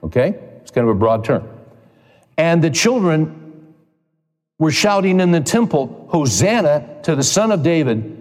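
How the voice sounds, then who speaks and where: A man's voice: sing-song, unhurried, pauses often, darkish tone. Man preaching in a reverberant hall. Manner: emphatic preaching, voice climbing high for emphasis. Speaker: pastor. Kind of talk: sermon. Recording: long reverb of a large hall.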